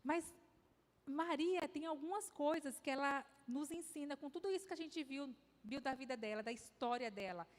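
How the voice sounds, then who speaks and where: A high-pitched woman with a Brazilian Portuguese accent gives a devotional talk in a church hall. She speaks in a conversational, anecdotal way and adds light self-deprecating humor. Her voice carries a long reverb tail from the hall. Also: normal speed. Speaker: conference speaker.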